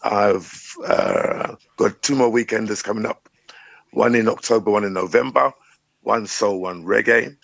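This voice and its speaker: A middle-aged man with a croaky voice, a radio talk show guest speaking in a relaxed, casual way. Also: on the low side, a little slow, dry recording, dull audio. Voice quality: croaky morning voice. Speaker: guest, music promoter. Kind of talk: radio interview.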